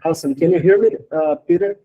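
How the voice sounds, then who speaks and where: A man on a video call asking questions in a casual technical meeting, halting with many restarts, his audio garbled and robotic. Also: phone-quality sound. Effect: garbled, robotic low-quality call audio.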